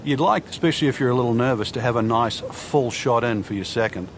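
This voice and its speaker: A man working as a golf commentator, giving explanatory, measured analysis of the course and the shots. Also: medium pitch. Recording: outdoor crowd and ambient noise behind. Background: crowd and outdoor ambience.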